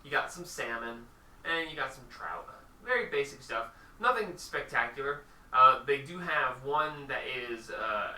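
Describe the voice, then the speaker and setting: A man narrating a tabletop game as game master, halting with many fillers. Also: mid-range voice, bright, forceful tone, roomy sound, far from the mic, slight background noise.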